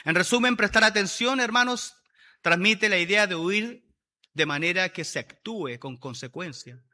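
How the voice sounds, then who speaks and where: Male preacher, high-pitched, very bright edge, emphatic sermon delivery with repeated lines. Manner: emphatic, repeats key phrases.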